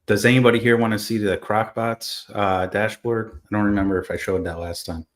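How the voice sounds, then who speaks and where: A man taking part as a panelist in a casual livestream chat, explaining things in a relaxed way with small fillers. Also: fairly low pitch, a little fast.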